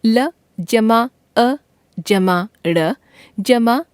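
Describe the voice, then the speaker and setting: Slow, careful woman reading a grammar lesson. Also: on the high side, no room sound, studio quality. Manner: slow, careful reading of letters and word lists. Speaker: teacher. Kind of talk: textbook grammar lesson read aloud.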